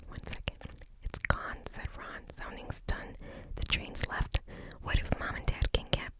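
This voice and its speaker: A woman's voice: measured pace, low-quality recording. Whispering woman reading a book, ASMR style. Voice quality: tingly mouth sounds while whispering. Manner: whispering, barely audible, unvoiced.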